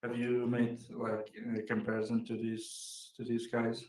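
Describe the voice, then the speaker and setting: A man in the audience asking a question slowly and hesitantly. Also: medium pitch, monotone, darkish tone. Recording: echoey room, distant mic.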